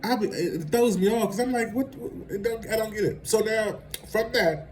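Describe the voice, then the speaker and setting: A man's voice: a little high, a little mellow, a little hiss or hum, low-quality recording. A man vlogging casual celebrity gossip commentary, rambling and conversational and laughing at his own asides.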